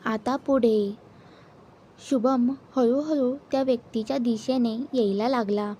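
A woman narrating a serial story in a soft, even storytelling manner. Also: a little high, a little slow, breathy edge.

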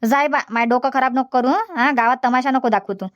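Cartoon: woman voicing an elderly village mother, high, sharp-tongued, stubborn. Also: brisk, dull audio, natural voice. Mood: sarcastic. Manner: scolding, repetitive, dismissive. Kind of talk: cartoon comedy dialogue.

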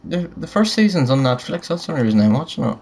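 A man's voice: on the high side, big pitch swings, fast, gravelly, darkish tone, slightly rough. A young man hosting a gaming video, chatting crudely and joking with a friend while he plays. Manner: crude, joking, laughs often. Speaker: gaming channel host. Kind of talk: casual gameplay commentary chat.

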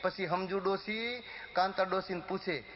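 A man's voice: sits high, a little hiss or hum. A man from Gujarat, telling folk comedy stories and acting out the villagers and wife he quotes. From Gujarat, India. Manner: acts out quoted villagers and wife in quick dialogue. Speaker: stand-up comedian. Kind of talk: live folk comedy storytelling. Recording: dull live hall recording with long echo. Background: audience laughter.

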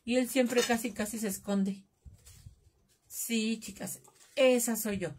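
A woman with a Mexican accent runs a live craft tutorial, talking casually and cracking jokes with her viewers as she works. Her voice sits a little high, and she sometimes drifts off the mic while busy with her hands. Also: fairly even intonation, slow pace, a little mellow, slight background noise. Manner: chatty, jokey, calls viewers "chicas". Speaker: craft class host.

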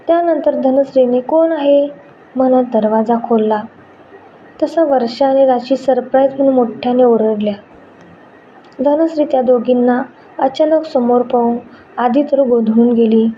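A woman telling a story as a calm, even narrator. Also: a little high. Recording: dull lo-fi with faint noise.

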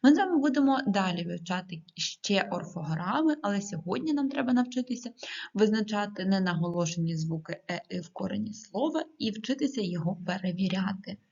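Woman teacher, calm and explanatory, mid pitch, dull lo-fi recording. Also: fairly quick. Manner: calm, explanatory, with hesitating fillers. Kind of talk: recorded online lesson.

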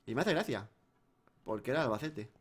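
A man's voice: medium pitch, animated, a little fast, husky. A man from Spain with an Aragonese accent, hosting a casual gaming chat, joking and swearing. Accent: Aragonese Spanish. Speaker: host.

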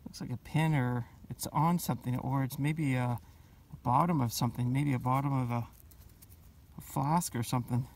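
A man from Canada narrating his metal-detecting finds in a forest, in an unhurried, muttering way, recorded outdoors on a camera mic. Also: mid-range voice, steady tone, a little mellow. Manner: muttering, unhurried, talking to himself. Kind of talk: casual outdoor commentary.

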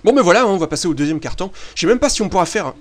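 A young man from France giving chatty, excitable commentary over a basketball video game, swearing casually and filling pauses with hesitations. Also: high-pitched. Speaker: gaming video host. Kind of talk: casual let's-play commentary.

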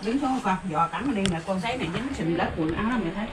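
A woman's voice: medium pitch, animated, very fast. An older woman with a Southern Vietnamese accent, rambling through her story in plain, exclamation-filled talk. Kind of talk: casual rural storytelling. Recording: noticeable background noise.

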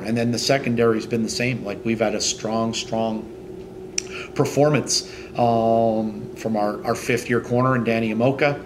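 A middle-aged man speaks as head coach in a post-game interview, his voice low and staying on an even, level pitch. He stops and restarts often and fills gaps with ums. A clear steady noise sits under the recording. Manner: halting, many fillers and restarts. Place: indoors in front of a team logo backdrop.

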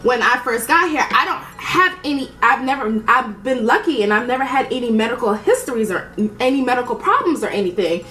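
A woman's voice: fairly high pitch, a little fast, few pauses, roomy sound, slight background noise. A woman telling a story in a casual chat while doing her makeup, blunt and profane, acting out what people said. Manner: animated, blunt and profane, acts out quoted dialogue. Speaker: beauty vlogger.

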